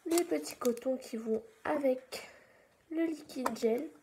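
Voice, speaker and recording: A woman's voice: sits high, slow pace, background noise. Chatty woman doing a nail tutorial. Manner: chatty, many fillers, some whispered asides. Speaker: beauty vlogger.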